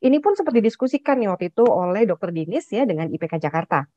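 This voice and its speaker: Woman association chair, chatty opening remarks; mellow, muffled dry call audio. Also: medium pitch, big pitch swings, fast, no room sound. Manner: warm, chatty, with tag "ya" and "nih". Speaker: head of a clinical psychologists' association. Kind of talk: formal webinar opening speech. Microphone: video call.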